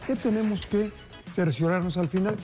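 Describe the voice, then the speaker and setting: Upbeat TV cooking host, mellow voice. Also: male voice, high voice, moderate pace, faint music behind. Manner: upbeat, folksy, addresses viewers as family. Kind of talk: TV cooking segment, addressing viewers. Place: TV studio kitchen set. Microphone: lapel mic.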